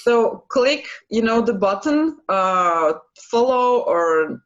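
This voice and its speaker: A woman with a Slovene accent, a quantum healing practitioner and co-host, speaks English in a relaxed chat to viewers about healing sessions. She hesitates, restarts sentences and laughs lightly between thoughts, her slightly high voice moving slowly over a dull, lo-fi video call line.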